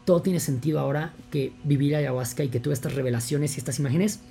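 A young man with a Mexican accent, talking casually to his podcast listeners in an excited, rambling way with lots of fillers. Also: fairly high pitch, fast talker, gravelly, faint music behind. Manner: enthusiastic, rambling, many fillers like "entonces" and "o sea". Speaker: podcast host.

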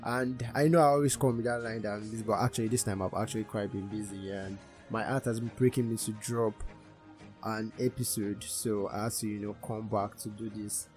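A man's voice: fairly low pitch, fairly even intonation, brisk, a little mellow, soft background music. A young man with a Nigerian Yoruba accent hosting a casual podcast. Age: young adult. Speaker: podcast host.

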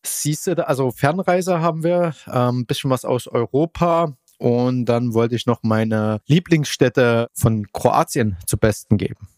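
A man's voice: medium pitch, a little slow, few pauses, darkish tone, no echo, studio quality. A man hosting a podcast, explaining news in a casual, conversational way. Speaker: podcast host.

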